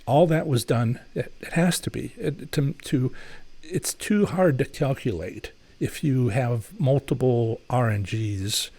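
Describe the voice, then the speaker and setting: In a mid-range voice with a dark, slightly rough tone, a man slowly answers viewer questions on a live stream, and there's no echo. His loose delivery is packed with fillers and restarts while he explains and gives advice.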